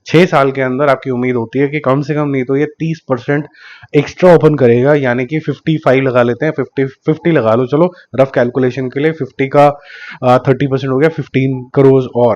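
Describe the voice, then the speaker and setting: A man with a sore, slightly hoarse throat gives casual commentary, reading out figures slowly and carefully and slipping English terms into his talk. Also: medium pitch, a little mellow. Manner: deliberately slow, careful delivery of figures. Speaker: box office analyst YouTuber. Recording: slightly dull lo-fi recording.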